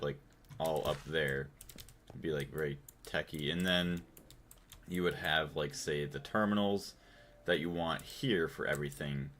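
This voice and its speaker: Low-voiced us guy on a gaming stream, thinking out loud, thanking chat, faint typing in the background. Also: a little hiss or hum. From United States. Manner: rambling, thinks aloud, reads and thanks chat. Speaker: gaming livestreamer. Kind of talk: casual live-stream chat while playing.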